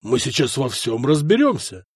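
A man's voice: medium pitch, big pitch swings, normal speed, breathy edge, dry recording, studio quality. A man voicing a hot-tempered older duke who roars and blusters, in a storybook reading. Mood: wary. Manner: roaring, blustering.

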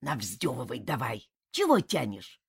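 A woman's voice: a bass voice, wildly swooping pitch, unhurried, vocal fry, breathy edge, no echo, clean studio sound, voice pushed down, heavily acted. A woman voicing a crafty old male house spirit who talks in a rustic, grumbling way in an audiobook. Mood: grumbling, folksy. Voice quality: rustic village speech, grumbling. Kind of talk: audiobook character voice.

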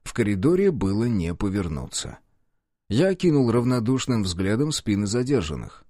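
A man narrating an audiobook in first person, in an expressive, ironic storytelling manner. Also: on the low side, normal speed, dry recording, studio quality.

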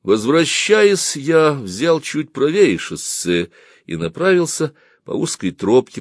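A man narrating a story aloud in an expressive, measured reading. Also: lowish voice, dry recording, studio quality. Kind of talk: audiobook reading.

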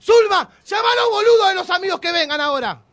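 A man playing an exasperated middle-aged father who yells at his lazy grown son, with an Argentine accent, in a radio comedy sketch. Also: very high-pitched, animated, quick pace, no echo, studio quality. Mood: scolding. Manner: blustering, yelling.

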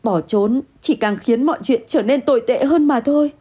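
A woman voicing a frightened young woman who pleads in a high, tearful voice. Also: moderate pace, warm tone, slightly rough. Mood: defiant. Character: young woman, frightened, then stubbornly honest.

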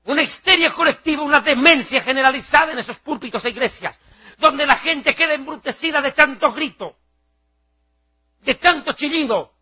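A male preacher giving a fiery, mocking televised sermon, acting out shouting crowds. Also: extremely high pitch, normal speed, lo-fi sound.

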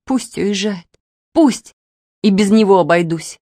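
A woman's voice: fairly high pitch, wildly swooping pitch, a little slow, slightly rough, no room sound, clean studio sound, voice pushed up, heavily acted. A woman reader voicing a frantic, tearful young woman who fires off anxious questions in a storybook.

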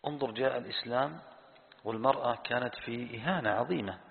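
A man teaching a lesson on Quran commentary, asking the audience questions and answering them himself, and slowly repeating key words. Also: mid-range voice, gravelly. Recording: tinny phone-like sound in a reverberant hall.

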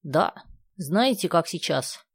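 A woman reads a self-assured teenage boy in an audiobook, argumentative and sure of himself. Her voice stays low and close to her own, with a dry, close sound. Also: lively intonation, takes it slowly, breathy edge, no echo, exaggerated voice. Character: confident, opinionated teenage boy.

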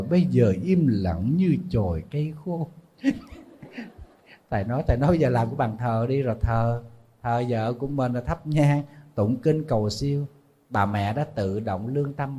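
A man who is a Buddhist monk with a Southern Vietnamese accent, telling a story in a relaxed, conversational sermon and calling himself "thầy". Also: mid-range voice, breathy edge. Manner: conversational, refers to himself as "thầy", laughs at his own slips. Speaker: Buddhist monk giving a dharma talk.

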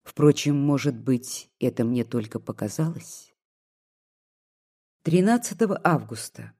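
A reader narrating a literary story in a measured, even storytelling manner. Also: medium pitch. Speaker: audiobook narrator.

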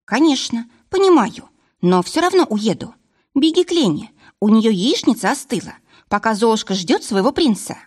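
A woman's voice: on the high side, big pitch swings, normal speed, darkish tone, breathy edge, pitched above the performer's own voice. A woman doing a sarcastic, defiant young woman.

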